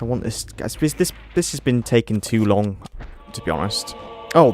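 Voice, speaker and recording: Playing a horror game for a let's play, a man chats casually, stumbling through on-screen text with frequent restarts and startled outbursts. His voice sits at medium pitch and sounds a little mellow.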